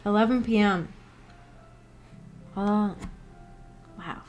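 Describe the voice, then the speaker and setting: With a steady mid-range voice and drawn-out words, the woman livestreamer chats with her audience over soft background music, the audio sounding dull. She hosts a book club and answers comments in a giggly, hesitant, rambling style.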